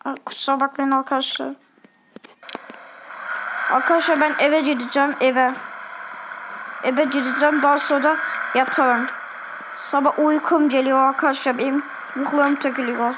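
High-voiced woman with an Azerbaijani accent. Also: level tone, normal speed, long pauses, background noise. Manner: repetitive, chatty, keeps addressing viewers. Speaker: gaming video host. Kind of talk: casual gameplay commentary.

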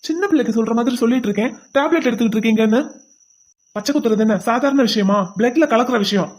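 Woman voicing a stern, fast-talking cartoon husband. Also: fairly high pitch, a little mellow, lightly acted. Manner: stern and scolding, lecturing. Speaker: cartoon voice actor. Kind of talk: cartoon voice acting.

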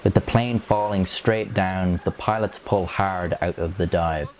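A young man with a very low voice narrates from a script in a measured, grave way. He speaks into a lapel mic on a dark studio set, telling the story steadily. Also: steady tone. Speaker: documentary narrator.

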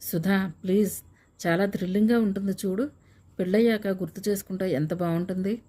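A woman's voice: medium pitch, steady tone, a little fast, mellow, natural voice. A woman reading the lines of a shy young man calling his fiancée, hesitant at first and then coaxing. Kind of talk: audiobook character reading.

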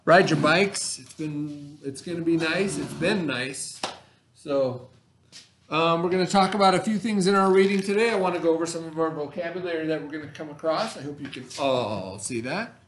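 Teaching kids remotely from his classroom, this middle-aged man reads aloud and works through vocabulary, keeping explanations simple, going over key words again and confirming they follow with quick tags. He speaks at a normal speed in a fairly high voice over slight background noise.

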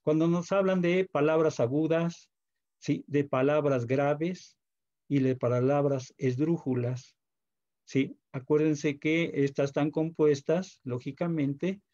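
Gravelly Mexican teacher on a dull call. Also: male voice, on the high side, dark tone. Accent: Mexican Spanish. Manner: patient, asks checking questions. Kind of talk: online class lecture. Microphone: video call. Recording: dull video call audio.

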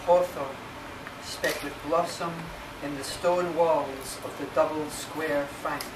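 Standing well back from a camera mic a few metres away, a male poet reads his own verse very slowly at a live reading inside a marquee, with pauses between short phrases. His tone is steady and slightly high. The recording is distant and echoey, with noticeable background noise.

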